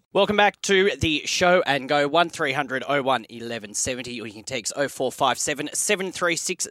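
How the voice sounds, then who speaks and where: Radio host guy, bright forceful voice, bit high, punchy announcer delivery, dry sound. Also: no room sound.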